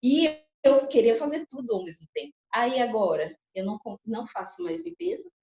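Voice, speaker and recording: A young woman gives a personal testimony to a church group, telling her story in a lively, emotional way and often turning to the audience. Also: a little high, normal speed. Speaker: testimony speaker at a church couples' course. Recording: echoey, slightly muffled hall recording.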